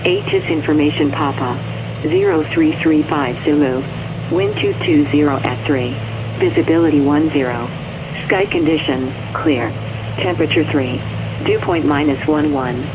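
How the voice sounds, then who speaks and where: An automated airport weather broadcast heard over the radio, reading out conditions in a flat, measured way. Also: medium pitch. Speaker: recorded airport weather information. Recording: muffled radio audio with loud hum.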